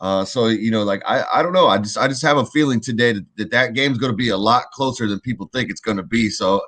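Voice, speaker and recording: A man co-hosting a sports podcast, giving casual, halting football analysis and repeating words as he thinks. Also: lowish voice, a bit bright.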